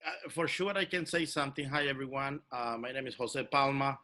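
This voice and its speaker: A man from El Salvador speaks as a community organizer, telling his own story in an animated, personal way. His voice comes across bright and forceful, with a mid-range pitch. He is heard over a video call. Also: brisk. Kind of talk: online workshop talk.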